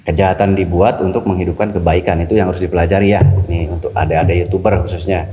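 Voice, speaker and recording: A man talking as a spiritual teacher on a podcast, animated and preachy, repeating key phrases for emphasis. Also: sits low, fast, slight background noise, poor audio. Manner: acts out quoted voices. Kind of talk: podcast religious talk.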